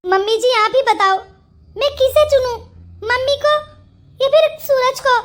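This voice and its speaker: A woman's voice: very high-pitched, unhurried. A woman voicing a scheming young wife in a Hindi cartoon story, pleading and sweetly insistent.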